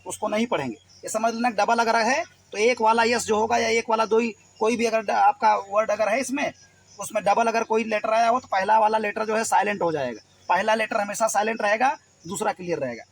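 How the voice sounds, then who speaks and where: A man's voice: sits high, brisk, a little hiss or hum, low-quality recording. A man from Uttar Pradesh teaching English reading, patiently spelling words out letter by letter. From Uttar Pradesh, India. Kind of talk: Hindi-language phonics lesson.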